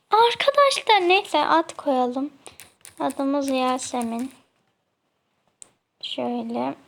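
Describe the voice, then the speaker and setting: Young Turkish woman, high and gravelly. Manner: chatty, talks to other players, mock-annoyed. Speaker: gamer. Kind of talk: casual gameplay commentary.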